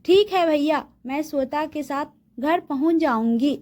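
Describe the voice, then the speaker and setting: A young female friend who talks with an affectionate, teasing warmth, as a woman storyteller puts her on. The voice is high and slow, read in a simple storybook way.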